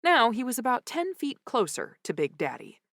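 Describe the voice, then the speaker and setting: A woman narrating a comic mystery audiobook in first person with lively, wry storytelling, close to the mic. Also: on the high side, normal speed, creaky, no room sound.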